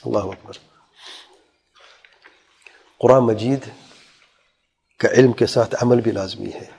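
A man's voice: mid-range voice, dark tone, breathy edge. A man giving an earnest religious lecture as a preacher, posing rhetorical questions and quoting Arabic phrases. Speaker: Islamic preacher. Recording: long hall reverb.

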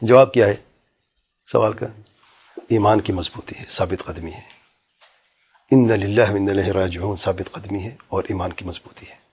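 A man's voice: low voice, darkish tone, slightly rough. A man preaching a religious talk, vividly retelling anecdotes and quoting each person in them. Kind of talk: religious talk with told stories.

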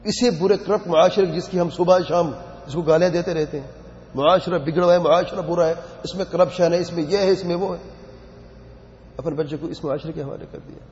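A man's voice: on the high side, steady tone, darkish tone. A man preaching a sermon, speaking emphatically and pressing his listeners with rhetorical questions. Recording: echoey hall, dull lo-fi sound.

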